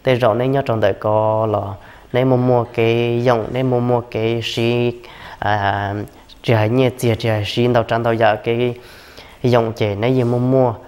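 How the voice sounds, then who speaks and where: A man's voice: medium pitch, flat delivery, normal speed, darkish tone. A young man hosting a home cooking vlog, chatting casually as he cuts meat, sitting on the floor indoors. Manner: chatty, explaining while cutting meat. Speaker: vlog host. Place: indoor home room, seated on floor mat.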